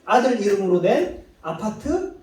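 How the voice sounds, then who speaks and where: A man pastor delivering a sermon in a church, preaching with lively acted quotes and light laughs. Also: high voice, measured pace. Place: church sanctuary. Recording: echoey hall, mic far off.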